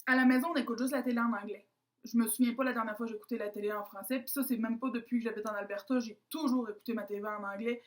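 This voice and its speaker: A woman's voice: a little high, steady tone, very fast. A young woman with a Québécois French accent, chatting casually to camera as a vlogger, self-mocking and dropping in English words.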